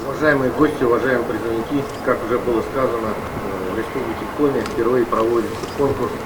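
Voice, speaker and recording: A man's voice: mid-range voice, steady tone, fast talker. A man making a formal ceremonial address as an official speaker at an event. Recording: very noisy, echoey, distant recording.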